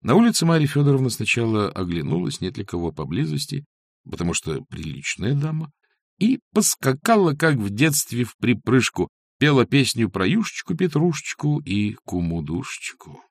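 Husky, lively male audiobook narrator. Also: mid-range voice, moderate pace, no room sound. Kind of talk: scripted narration.

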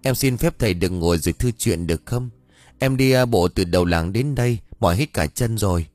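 A man's voice: lowish voice, fairly quick, no room sound, close to an everyday voice. A man reading a polite young city woman. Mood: pleading. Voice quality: soft, polite, deferential.

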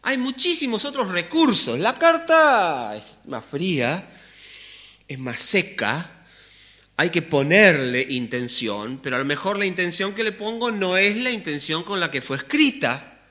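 A man's voice: high-pitched, very animated, unhurried, sharp tone. A man with a Rioplatense Spanish accent preaching a conversational sermon in a church, checking in with listeners and sometimes dropping almost to a whisper. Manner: conversational preaching with frequent "¿eh?" checks, sudden drops to near-whisper. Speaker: pastor.

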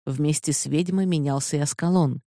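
An audiobook narrator reading a fantasy novel in a measured, steady way, close to the mic. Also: mid-range voice, no echo.

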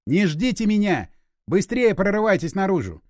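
A man's voice: high voice, very animated, moderate pace, dry recording, clean studio sound. A man doing a curt, commanding stranger. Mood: shouting orders. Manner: terse, barking orders. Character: gruff armed male stranger, curt and commanding.

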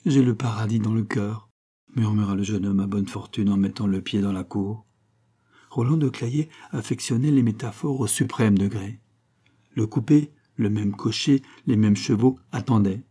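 A man reads a novel aloud as audiobook narration, in a measured storytelling manner. His voice is low and dark, with a husky edge. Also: fairly even intonation.

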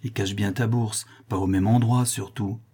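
A man's voice: lowish voice, fairly even intonation, normal speed, dark tone, slightly rough. A man voicing a shrewd man who scolds and coaxes a widow in an audiobook. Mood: coaxing. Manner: scolding, coaxing.

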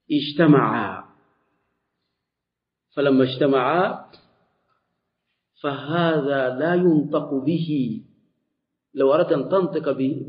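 A man gives a grammar lesson in a slightly high voice, going over each point slowly and repeating words. The recording is dull and lo-fi. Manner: slow, repeats and restarts words while explaining. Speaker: teacher.

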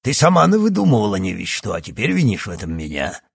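A man's voice: fairly low pitch, sing-song, normal speed, gravelly, slightly rough, no room sound, heavily acted. A man voicing a scheming old doctor who is secretly a villainous professor, speaking in a condescending, sly way in an audiobook. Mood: sinister. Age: over 60. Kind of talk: audiobook character acting.

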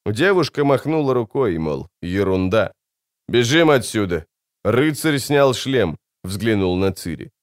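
Man narrating with lively pitch. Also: unhurried, hardly any pauses, no room sound, clean studio sound. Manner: vivid, expressive storytelling. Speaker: audiobook narrator. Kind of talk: scripted narration.

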